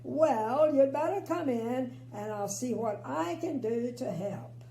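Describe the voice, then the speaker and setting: A large, jovial storybook man, eager to help, as a sweet old lady reads him. The delivery is slow and mellow, with room echo around it. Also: fairly high pitch, expressive. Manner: sweet old lady reading aloud, jolly. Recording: roomy echo, faint background noise.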